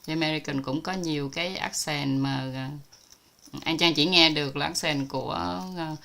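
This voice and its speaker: A woman's voice: low voice, fairly even intonation, moderate pace, gravelly, sharp tone. A woman from Vietnam hosting a casual video call chat, talking freely and laughing often. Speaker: host.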